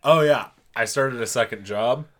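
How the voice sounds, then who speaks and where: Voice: mid-range voice, moderate pace, fairly bright tone. A podcast co-host chatting in an offhand, joking way. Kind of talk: casual podcast chat.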